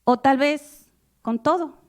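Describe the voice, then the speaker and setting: A woman preaching a sermon to a congregation, expressive and personal, asking her listeners questions and dramatizing the scriptures she reads. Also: high-pitched, slow. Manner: expressive, acts out Bible quotes with loud outbursts.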